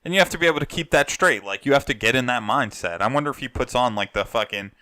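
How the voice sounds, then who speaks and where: A man's voice: medium pitch, lively intonation, quick pace, pushed and bright, clear, resonant tone, no room sound, studio quality. A young man co-hosting a casual gaming podcast, joking and swearing casually. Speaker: podcast co-host.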